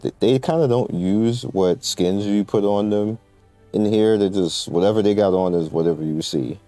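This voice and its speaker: In a dry recording with soft music underneath, a man with a lowish, dark voice speaks at normal speed. He's a gamer presenting a guide, offering casual, rambling explanations in slangy language.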